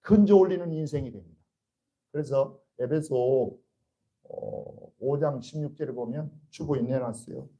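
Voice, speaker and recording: A man's voice: mid-range voice, unhurried, dark tone, rough recording. A pastor preaching a sermon to his congregation, urging and earnest, asking rhetorical questions and answering them himself.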